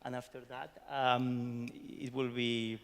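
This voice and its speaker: A man's voice: mid-range voice, little pitch movement, slow pace, clear, resonant tone. A man from Barcelona with a Catalan-accented Spanish accent, giving a chatty conference talk and tagging his sentences with "no?". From Barcelona, Spain. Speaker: conference speaker. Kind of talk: conference talk summarizing a workshop. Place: conference hall. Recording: long hall reverb.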